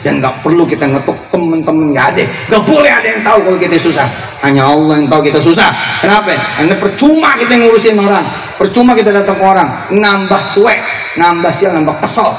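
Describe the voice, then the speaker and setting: A man's voice: high voice, fast talker. A man giving a humorous sermon, telling stories and acting out dialogue. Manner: lively storytelling, acts out dialogue. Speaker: preacher. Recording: echoey hall, from far off.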